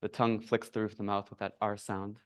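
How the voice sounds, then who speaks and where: Man leading a yoga class, calm, flat even voice, really clear. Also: fairly low pitch. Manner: calm, unhurried guiding of breath and movement. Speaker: yoga teacher. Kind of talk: guided yoga class instruction. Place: yoga studio.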